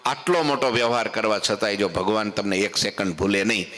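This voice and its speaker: Male preacher, bright forceful tone, animated devotional storytelling that leaps up in pitch. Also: a little fast. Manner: animated, rises high on emphasis and acts out quotes.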